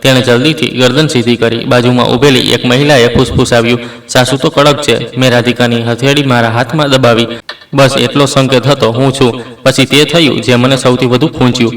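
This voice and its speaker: A man narrating a scripted family story in a steady, measured way. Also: medium pitch. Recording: roomy, distant mic.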